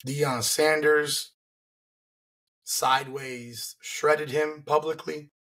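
Casting: male podcast host, thirties, hoarse and husky, lower-toned everyday register, opinionated sports rant delivered conversationally. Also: steady tone, very slow, fairly bright tone. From South Florida. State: hoarse voice from flu. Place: furnished home room, indoors. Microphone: large desk microphone close to the mouth.

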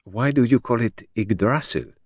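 A man's voice: mid-range voice, expressive, moderate pace, a little mellow, no echo, clean studio sound, pitched above the performer's own voice, lightly acted. A man doing Hercule Poirot, precise detective. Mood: probing. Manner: precise, probing, coolly insistent. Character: Hercule Poirot, fastidious middle-aged Belgian male detective. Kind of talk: audiobook character voice.

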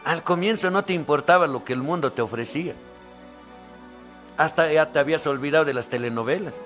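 A Bolivian man preaching with a high, lifted voice. He rises to fervent shouts, then drops to hushed asides, and plays the people he quotes. Soft music sits faintly behind him. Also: brisk. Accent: Bolivian Spanish. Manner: swings from loud fervent calls to low quiet asides; acts out congregants' voices in quoted lines. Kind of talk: sermon.

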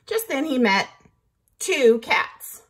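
A woman's voice: sits high, very animated, takes it slowly, breathy edge. A woman reading a picture book aloud like a teacher, patiently stopping to count along.

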